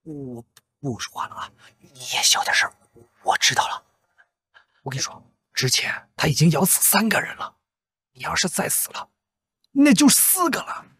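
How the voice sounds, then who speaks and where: An actor playing a sly male prisoner in a costume TV drama, teasing a newcomer in a hushed, conspiratorial way. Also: high voice, big pitch swings, normal speed, husky, dry recording, exaggerated voice. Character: sly male prisoner spinning scary tales. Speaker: cellmate.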